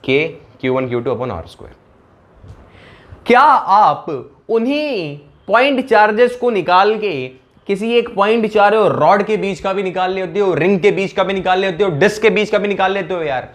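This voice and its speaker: High-voiced man teaching physics. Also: lively intonation, normal speed. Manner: conversational, repeats phrases, asks "yes or no?" often. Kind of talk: classroom lecture.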